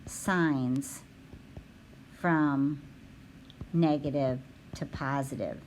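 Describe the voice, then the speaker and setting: A woman teaching a recorded math lesson, talking her students through the steps out loud with frequent ums. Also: extremely low pitch, steady tone, drawn-out words, slight background noise, poor audio. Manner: thinking aloud with frequent ums.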